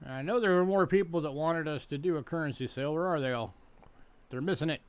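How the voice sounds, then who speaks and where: A man's voice: on the high side, fast talker, clear, resonant tone. A man hosting a casual live-stream auction, chatty and joking as he sells items one by one. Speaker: online auction host.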